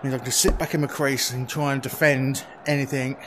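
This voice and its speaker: A man giving relaxed, chatty running commentary on his own play in a VR cricket game, with quick exclamations. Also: mid-range voice. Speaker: gaming video creator. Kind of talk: live commentary while playing a VR cricket game. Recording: steady background noise.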